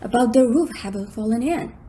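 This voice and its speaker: In a melodramatic, girlish radio drama style, a woman plays an excitable, thrill-seeking young woman who frightens easily. Her fairly high voice is brisk and lightly acted, playful and thrilled.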